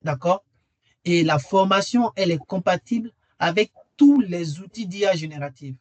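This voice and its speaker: A man's voice: sits high, lively intonation, normal speed, a little mellow, no echo. A man presenting a webinar and earnestly persuading listeners to join his training course, repeating key phrases for emphasis. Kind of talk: webinar sales pitch.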